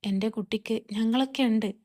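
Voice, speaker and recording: A woman's voice: on the high side, brisk, warm tone, natural voice. A woman voicing a caring older brother who soothes and advises his sister in a read-aloud family story. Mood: comforting.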